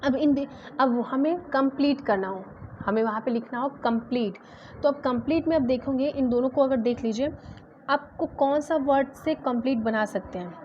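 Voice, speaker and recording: एक महिला शिक्षिका, अंग्रेज़ी व्याकरण का पाठ धैर्य से समझाती है और शब्दों की स्पेलिंग अक्षर-दर-अक्षर बोलती है।. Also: female voice, high voice, normal speed. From India. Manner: explains patiently, spells words out letter by letter. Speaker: English grammar teacher. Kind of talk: exam-prep grammar lesson. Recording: dull lo-fi sound with faint noise.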